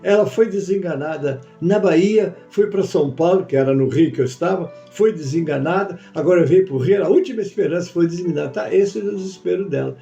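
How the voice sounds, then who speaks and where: High-voiced pastor telling a testimony. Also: male voice, a little fast, gravelly, few pauses, warm tone, muffled recording, soft background music. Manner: storytelling, acting out dialogue. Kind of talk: sermon testimony. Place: church.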